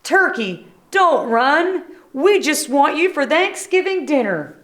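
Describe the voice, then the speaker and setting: An eager, well-mannered storybook moose played by a woman reader. He coaxes and insists politely, in unhurried phrases with lively, swinging pitch. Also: exaggerated voice. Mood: coaxing. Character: eager, kindly but insistent male moose hunting a turkey.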